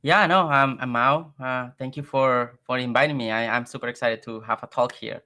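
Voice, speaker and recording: Man, English, halting, repeats words, laughs easily, video call guest. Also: medium pitch, steady tone, sharp tone. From Mexico. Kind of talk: casual interview chat.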